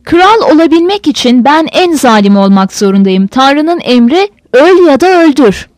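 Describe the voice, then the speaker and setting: A woman's voice: sits high, very animated, moderate pace, dry recording. A woman voicing a brutal, lonely ancient warlord who bellows about a cruel god. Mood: raging. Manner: bellowing, then soft.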